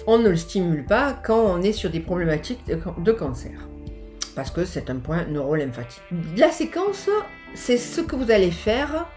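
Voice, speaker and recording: Low-voiced woman explaining tapping steps. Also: a little mellow. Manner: patient, step-by-step explaining while tapping points. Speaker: EFT practitioner. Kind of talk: instructional explanation.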